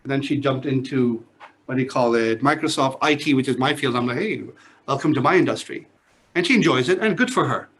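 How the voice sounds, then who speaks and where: A man from Pakistan who grew up in Singapore, now a middle-aged business lecturer, introduces himself to students with a Singaporean English accent. His mid-range voice is fairly quick and fairly bright, with a little hiss or hum in the recording. He keeps things chatty, joking on the side and checking in with "all right?".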